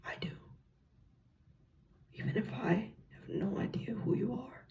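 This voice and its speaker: A soft, breathy whisper delivers a reassuring ASMR pep talk. The pace is very unhurried, with gentle pauses between short phrases. The tone is mellow, and the voice sits a little away from the mic. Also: mid-range voice, distant mic. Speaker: ASMR content creator.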